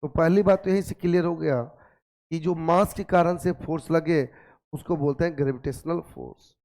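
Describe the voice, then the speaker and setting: Physics teacher with a sore throat. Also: male voice, fairly high pitch, fairly even intonation, normal speed. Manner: coaxing, scolding students gently, repeats questions. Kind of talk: classroom lecture. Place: classroom.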